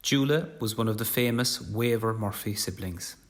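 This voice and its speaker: A man's voice: fairly low pitch, normal speed, slight background noise. A man with an Irish accent presenting in the manner of a scripted documentary narrator and interviewer.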